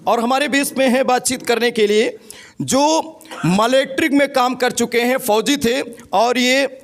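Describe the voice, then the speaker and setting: A man's voice: very high voice, fairly even intonation, a little slow, a little hiss or hum. A man reporting local news on location from a village panchayat hall, addressing viewers emphatically.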